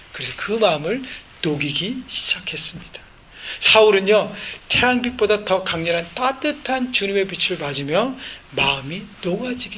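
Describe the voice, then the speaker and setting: A man's voice: sits high, pushed and bright, a little hiss or hum, low-quality recording. A male pastor preaching a sermon in church, emphatic, often asking the congregation rhetorical questions. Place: church sanctuary.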